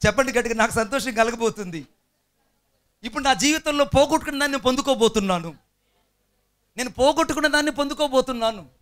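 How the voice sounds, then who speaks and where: A pastor preaches in a high-pitched man's voice. He urges his listeners to say lines after him and stretches out each phrase of scripture for weight. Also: fairly bright tone. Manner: exhorting, calls the congregation to repeat after him; drawn-out emphatic phrasing when reading scripture. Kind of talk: sermon.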